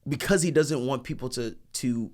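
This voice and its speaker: A man in his thirties, a guest in a casual interview, telling stories in an animated way and acting out what people said. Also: mid-range voice, moderate pace. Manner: animated, acts out quoted people.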